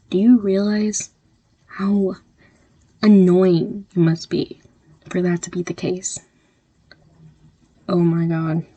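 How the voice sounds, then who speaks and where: Girl doing a rude college classmate in an audio roleplay, husky and dry, swears a lot, gets in your face. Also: lowish voice, mellow, no room sound. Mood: scornful. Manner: blunt, swearing, confrontational. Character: abrasive young woman college classmate, confrontational. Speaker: audio role-play performer. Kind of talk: audio role-play.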